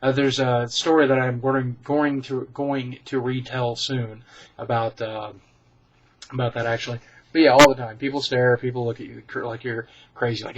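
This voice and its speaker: Fielding questions from his viewers, this man rambles casually, full of ums, false starts and candid, self-deprecating chatter. The webcam audio sounds dull, and his pitch sits in the middle range.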